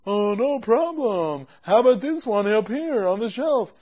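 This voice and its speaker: Someone doing a chill agreeable baker guy, slow talker, muffled recording. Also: mid-range voice, very animated, husky. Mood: patient. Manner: agreeable, keeps saying no problem. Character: obliging small-town baker. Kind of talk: amateur comic storytelling skit. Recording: dull lo-fi recording.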